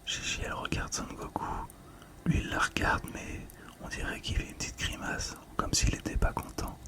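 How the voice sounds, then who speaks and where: In a soft, breathy ASMR whisper, this male video creator gently talks through descriptions at an unhurried pace, with a touch of hesitation.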